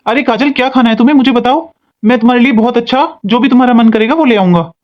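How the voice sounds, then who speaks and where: A performer voicing a caring young husband who gently reassures his wife over the phone in a cartoon. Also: mid-range voice, quick pace, highs cut off, voice pushed down, lightly acted. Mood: soothing. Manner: soothing, reassuring. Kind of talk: animated cartoon voice acting.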